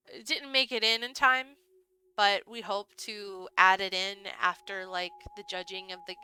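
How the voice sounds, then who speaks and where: Bright-voiced woman streamer, voice worn. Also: mid-range voice, smooth, dry recording. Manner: chatty, laughing asides. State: voice going hoarse, throat dry. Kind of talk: reading a visual novel aloud with commentary.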